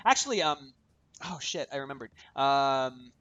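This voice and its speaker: A man's voice: mid-range voice, expressive, normal speed, a bit bright, dull audio. A man narrating as game master in a casual tabletop session, chatty and full of fillers. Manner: chatty, many fillers, laughing at himself.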